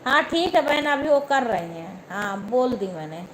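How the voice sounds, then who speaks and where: A woman's voice: a little high, big pitch swings, normal speed, a little hiss or hum, poor audio. A young woman with an Awadhi accent hosting a phone live stream, chatting casually and speaking straight to her viewers by name.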